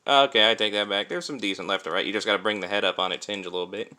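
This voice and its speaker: Talking very fast at a fairly low pitch, this man gives an informal, hands-on review of a toy, explaining each step as he goes. His delivery is bright and forceful.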